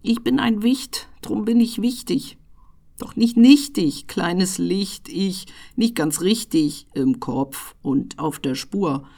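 A woman voicing a small, self-important imp in a recited poem, swinging from whispers to loud boasts. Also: medium pitch, slow pace, creaky. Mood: boastful.

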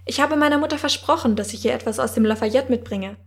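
A woman reading an audiobook, voicing an excited young woman who is shopping. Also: fairly high pitch, fast, close to an everyday voice. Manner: eager, breathless with enthusiasm.

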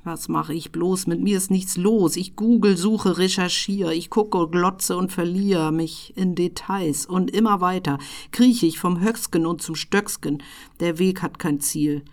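A woman giving a slow poetry recital, with a rhythmic delivery that breaks into sudden loud bursts and whispered phrases. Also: on the low side.

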